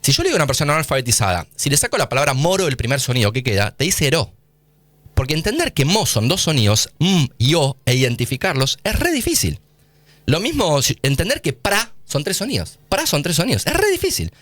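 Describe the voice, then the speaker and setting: A man's voice: a little high, sing-song, fast talker, a bit bright, dry recording. A man with an Argentine accent, a guest scientist in a radio studio interview, explaining eagerly and using casual slang. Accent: Argentine Spanish.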